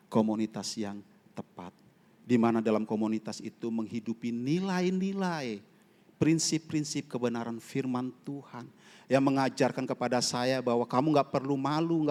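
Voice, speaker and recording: Male evangelist, mid-pitched, sermon delivery that swings from loud emphasis to near-whispered stories, reverberant church. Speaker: evangelist preaching. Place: church sanctuary. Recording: long reverb of a church hall.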